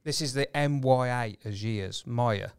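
A man in a casual podcast chat, reminiscing and reading facts aloud haltingly. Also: mid-range voice, clear, resonant tone.

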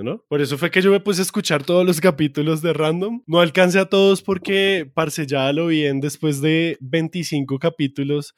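A young man from Colombia with a Bogotá accent, co-hosting a podcast in relaxed, self-mocking casual chat. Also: on the high side, no room sound, studio quality. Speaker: podcast co-host.

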